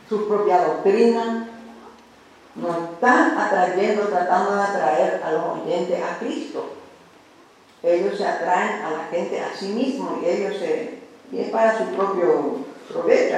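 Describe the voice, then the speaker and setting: A man preaching a sermon to his congregation in an earnest, conversational way, often repeating his words. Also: high voice. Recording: very echoey room with faint noise.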